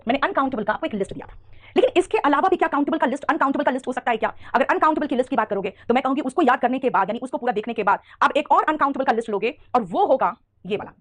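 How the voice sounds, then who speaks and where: A woman's voice: sits high, animated, fairly bright tone. A woman with an Indian accent teaching an English grammar class, addressing her students affectionately and correcting them as she goes. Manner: fast, scolding-affectionate, calls students "beta".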